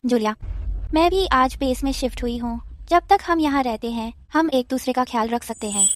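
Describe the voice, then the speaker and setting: Jealous young wife played by a woman, dubbed drama, scheming, resentful, high voice. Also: normal speed, a little hiss or hum, close to an everyday voice. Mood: threatening. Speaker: officer's wife, the sister.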